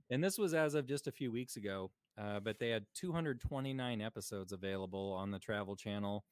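A man's voice: fairly low pitch, brisk, clear, resonant tone, dry recording. A man co-hosting a podcast, talking in a chatty, joking way with many fillers. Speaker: podcast co-host. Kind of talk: casual chat.

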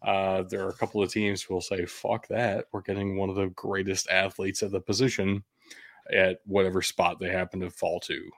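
Male sports host, deep voice, casual but blunt and opinionated analysis, dry studio-like closeness. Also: little pitch movement, moderate pace, dry recording. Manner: opinionated, blunt, occasionally profane.

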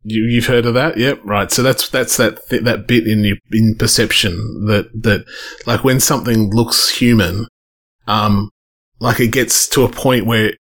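A man's voice: on the low side, fairly even intonation, measured pace, a bit bright. A man co-hosting a casual tech podcast. He rambles and restarts his sentences as he thinks aloud. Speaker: podcast co-host.

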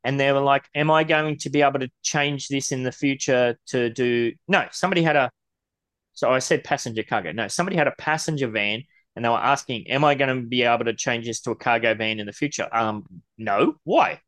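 A man co-hosting a casual podcast and venting in a blunt, sweary rant. His voice sits at a middling pitch for a man, and a slight lisp creeps in now and then as he gets heated. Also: a little fast, fairly bright tone. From Australia. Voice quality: occasional lisp when ranting. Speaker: podcast co-host. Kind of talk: casual ranting chat.

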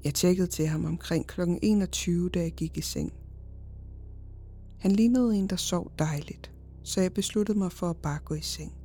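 A woman narrating a horror story in the first person, in a slow, hushed and often whispered voice. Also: fairly low pitch, faint music behind.

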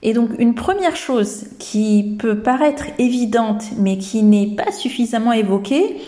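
A woman hosting a podcast lesson, teaching English pronunciation and speaking slowly and hesitantly, with many fillers. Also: fairly high pitch, mellow.

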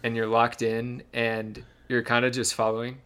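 A young man with a smooth, mid-range voice speaks at a normal speed while co-hosting a podcast. He's a runner casually recounting a race, and the relaxed story is full of ums and restarts.

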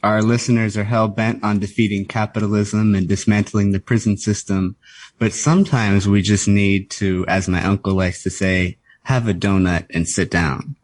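A male radio host with a fairly low voice, reading a scripted introduction with a light, wry touch. The sound is dry and close to the mic. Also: level tone, moderate pace, a little mellow, no room sound, poor audio.

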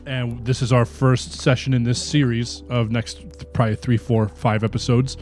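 A man's voice: medium pitch, flat delivery, normal speed, a little mellow, soft background music. A man co-hosting a podcast, joking crudely and dryly, then narrating as dungeon master. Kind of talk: casual podcast banter and game narration.

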